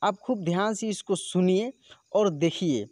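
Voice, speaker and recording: A man with a fairly high voice teaches at a slow, careful pace. He recites syllables one at a time, alternating soft and stressed ones. The sound is dry and close, with faint insect noise behind him. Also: no room sound.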